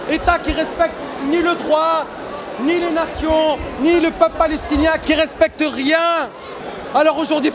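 A man campaigning loudly to passers-by, shouting and insistent, recorded in a busy indoor exhibition hall. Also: very high-pitched. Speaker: activist haranguing passers-by. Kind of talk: street campaigning speech. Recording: crowd and noise behind.

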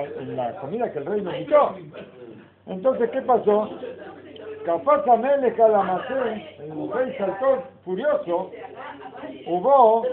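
A man, a rabbi teaching a Torah lesson. He reads Hebrew passages aloud, then explains them in with rhetorical questions. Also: high-pitched. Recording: phone-like lo-fi recording of a class with people around.

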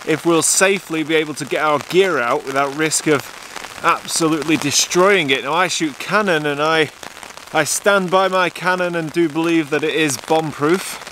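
A man in his thirties, a landscape photographer, chatting eagerly to a handheld camera outdoors in a rain forest. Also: on the high side. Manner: enthusiastic, chatty, excitable. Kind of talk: casual vlog to camera. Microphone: camera mic, handheld close. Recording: heavy rain noise on the mic. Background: steady rain falling.

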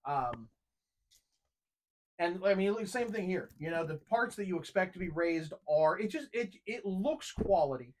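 A man in his thirties with a fairly high voice co-hosts a relaxed chat in a room full of hanging jerseys. He rambles along chattily, doubling back and restarting his sentences. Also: normal speed. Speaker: co-host. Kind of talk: casual podcast chat.

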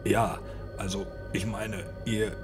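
A man's voice: on the low side, little pitch movement, takes it slowly, music in the background. A man voicing a frightened, stammering male scientist in his late thirties in a German horror audio drama. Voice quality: stammering, timid.

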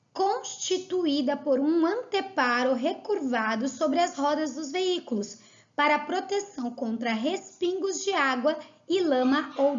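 High-voiced Brazilian woman teaching slowly. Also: lo-fi sound. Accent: Brazilian Portuguese. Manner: slow, clearly spelled-out dictation of words. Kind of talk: recorded lesson walkthrough.

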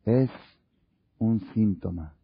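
Male religious lecturer, husky, rhetorical questions, muffled dry lo-fi sound. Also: fairly low pitch, takes it slowly. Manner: asks many rhetorical questions; acts out little dialogues. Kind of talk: Torah lecture to an audience. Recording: dull lo-fi recording.

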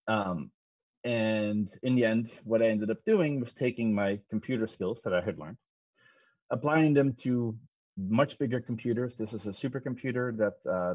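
A man's voice: on the low side, dry recording. A man in his thirties from the Netherlands, giving a casual, self-deprecating science talk from a home office over a headset. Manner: relaxed, self-deprecating, many ums. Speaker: guest speaker, physicist. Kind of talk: casual presentation over video call. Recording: dry, slightly dull video call audio.

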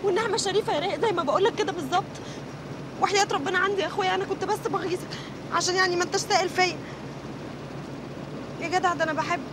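A young Egyptian dancer pleads and swears her oaths in a very high voice. She speaks in a rapid Egyptian Arabic accent. Loud street noise sits around her in this film scene. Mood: pleading. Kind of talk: film drama dialogue. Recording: noisy outdoor street scene.

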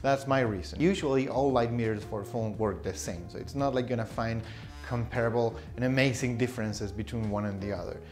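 Talking to a close-framed camera from a small shelved room, a photography vlogger in his thirties explains things casually, padding with fillers and small laughs. His voice is medium in pitch with a darkish tone, and he speaks fairly quickly over soft background music.

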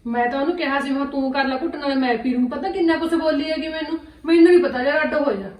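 A woman's voice: high-pitched, a little mellow, lightly acted. A woman playing an overworked elder daughter-in-law who scolds and complains in an amateur village family skit. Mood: complaining. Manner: rapid, scolding, indignant complaints. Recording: roomy echo, distant from the mic.

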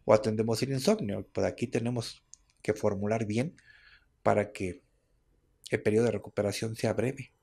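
Male radio host, husky fry in a lowish voice, conversational and explaining. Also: dark tone. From Mexico. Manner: chatty, explaining, with frequent tag questions. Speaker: radio host on herbal medicine. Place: radio studio.

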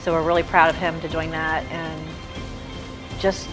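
A woman, a football player's mother, speaking haltingly and close to tears with pride. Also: deep voice, little pitch movement, rough recording. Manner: halting, emotional, proud. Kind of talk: sports interview. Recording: background music under voice.

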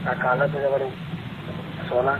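A young man, heard over a phone line as a caller in a heated private argument. He accuses and threatens, swinging between shouting and low pleading. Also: monotone, moderate pace. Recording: narrow, noisy phone-call audio.

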